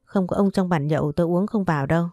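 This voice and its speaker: A woman's voice: fairly low pitch, fast, dark tone, no echo, studio quality, faint music behind, close to an everyday voice. Woman reading as a cheeky joking young man. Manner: jokey, boastful.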